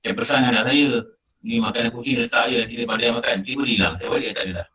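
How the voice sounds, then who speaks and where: A man's voice: mid-range voice, racing, bright, forceful tone, a little hiss or hum. A middle-aged man with a Malaysian Malay accent, giving an informal religious lecture and telling stories with many repetitions. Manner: conversational, storytelling with repetition. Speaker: religious teacher. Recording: roomy sound, distant from mic.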